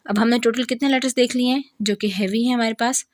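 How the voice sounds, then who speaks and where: A woman with a Pakistani Urdu accent teaching Quran letter pronunciation. She speaks patiently and repeats each sound slowly several times. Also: fairly high pitch, steady tone, dry recording, studio quality. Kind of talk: recorded lesson.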